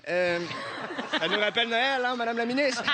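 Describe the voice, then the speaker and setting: A man with a Québécois accent doing a stand-up comedy routine, animated and laughing often at his own jokes. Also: extremely high pitch, moderate pace, background noise. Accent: Québécois French.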